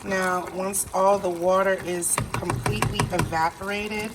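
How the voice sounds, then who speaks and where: In her home kitchen, with a tap running and background noise on the recording, a home cook of Haitian family background shows a recipe. Her medium-pitched voice is fairly even and a little slow as she thinks out loud, cooking with one hand for a casual video.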